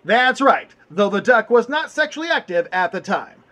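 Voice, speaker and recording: A man's voice: sits high, very animated, normal speed, pushed and bright. A man hosting a puppet comedy game show with a bombastic showman manner. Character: orange furry host puppet.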